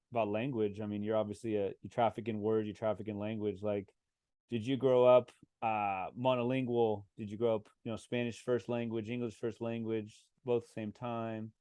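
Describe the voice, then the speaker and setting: A man's voice: lowish voice, dark tone, clean tone, dry recording. A man hosting a podcast, introducing his guest with chatty self-corrections and joking asides. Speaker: podcast host. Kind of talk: casual interview.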